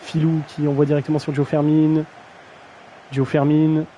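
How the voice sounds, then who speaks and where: A man's voice: fairly high pitch, completely flat delivery, normal speed, dark tone, a little hiss or hum, poor audio. A young man casually commentating a video game match on a live stream, slangy and self-mocking, often stumbling over player names.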